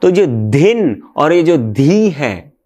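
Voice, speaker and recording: A man's voice: on the high side, very animated, slow, mellow. A man teaching mridanga, explaining technique and chanting the drum syllables in rhythm. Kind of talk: music lesson with spoken drum syllables. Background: mridanga drum playing.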